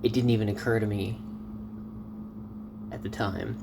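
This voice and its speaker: A man telling a casual story in a vlog, animated, with excited outbursts. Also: lowish voice, a little slow, creaky, noisy background. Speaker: vlogger.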